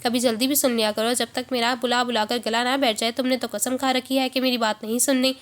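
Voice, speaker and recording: A woman reading the part of a sharp-tongued older matriarch who scolds curtly. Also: a little high, little pitch movement, lightly acted. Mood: scolding. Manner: scolding, curt.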